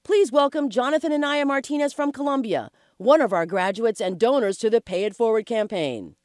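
A ceremony announcer reading scripted introductions in a clear, formal voice-over. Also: medium pitch, a little fast, a little mellow.

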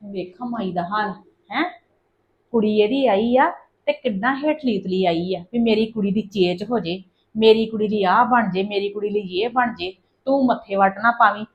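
A woman playing a complaining, sharp-tongued daughter-in-law in a family drama. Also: medium pitch, normal speed, highs cut off, close to an everyday voice. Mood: grumbling aside. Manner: complaining, sarcastic, mutters asides.

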